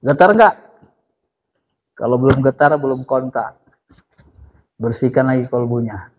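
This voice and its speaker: Husky-voiced male preacher in an echoey hall. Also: mid-range voice, normal speed. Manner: lively, addresses listeners directly as sir, chants God's name. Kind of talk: sermon to a study gathering. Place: religious study gathering hall. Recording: echoey hall, dull lo-fi sound.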